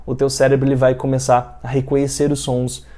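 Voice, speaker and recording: A Brazilian male English teacher with a mellow, relaxed tone and a mid-range voice. He talks in an informal, explaining way and often checks in with the listener as he goes. He speaks Portuguese natively. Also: mid-range voice, brisk. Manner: informal, repeats points with "tá?" and "né?". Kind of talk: explaining language learning tips to camera.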